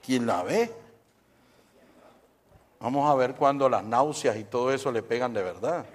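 A man's voice: mid-range voice, lively intonation, measured pace. A middle-aged man preaching a humorous sermon at a church service, telling jokes and quizzing the congregation. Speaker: pastor.

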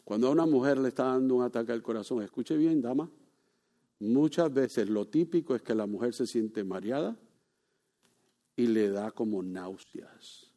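A pastor preaching a sermon built on personal stories. He talks casually and asks the congregation questions, then turns loud and emphatic when he drives his point home. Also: medium pitch, normal speed.

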